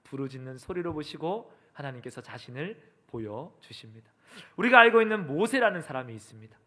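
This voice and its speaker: A man's voice: on the high side, very animated, fairly quick, bright, forceful tone. A middle-aged male pastor preaching a sermon, stressing rising questions to the congregation.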